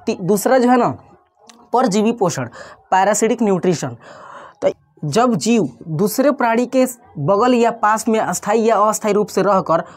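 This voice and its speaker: A woman with a medium-pitched, somewhat dark voice teaches science in an explanatory online class, keeping the lecture conversational. She asks rhetorical questions and answers them herself, checking in with "ठीक है" again and again.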